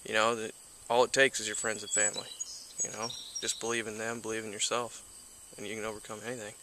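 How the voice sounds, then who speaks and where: Male passerby, monotone delivery, reflective, countryside with faint noise. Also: on the low side, quick pace. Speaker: passerby being interviewed. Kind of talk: casual street interview. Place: outdoors in the countryside.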